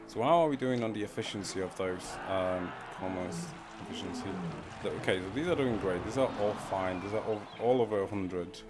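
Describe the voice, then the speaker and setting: A man's voice: low voice, a little fast. A man casually commenting as he plays a game on a live stream, rambling and muttering to himself and chuckling at his own wordplay. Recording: background music under the voice.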